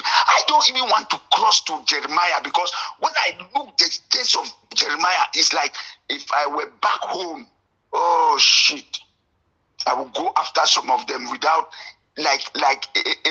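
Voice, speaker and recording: A man from Cameroon with a Cameroonian English accent, calling in to a radio show, impassioned and indignant, at times breaking into shouts. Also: on the high side, big pitch swings, unhurried, breathy edge, muffled recording. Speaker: caller. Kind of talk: call-in radio talk.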